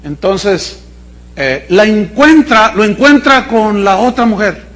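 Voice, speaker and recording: A man's voice: sits high, lively intonation, slow pace, a bit bright. A man with a Mexican accent preaching a sermon in a chatty, storytelling way, often checking in with his listeners. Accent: Mexican Spanish.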